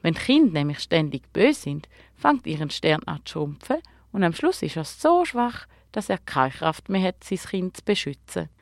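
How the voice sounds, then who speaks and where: A woman voicing a kindly, clumsy male guardian star who has fallen to earth, speaking gently and explaining patiently in a storybook tale. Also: fairly low pitch, very animated, normal speed, vocal fry, no room sound, clean studio sound. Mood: thoughtful.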